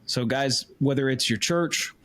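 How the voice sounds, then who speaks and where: A man with a voice of middling pitch hosts a faith podcast and closes out the episode. He talks emphatically and in an encouraging tone. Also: measured pace, a bit bright. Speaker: podcast host. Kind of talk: podcast wrap-up and exhortation.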